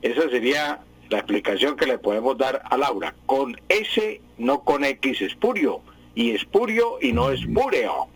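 A man's voice: medium pitch, big pitch swings, measured pace, creaky, breathy edge, dry recording, rough recording. A man explaining word spelling and meaning to radio listeners in a patient, explanatory way with many fillers. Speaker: language expert answering listeners.

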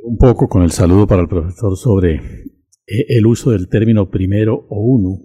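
A man on a radio panel, speaking formally in measured, elaborate sentences. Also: on the low side, mellow, breathy edge, faint music behind. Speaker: studio panelist.

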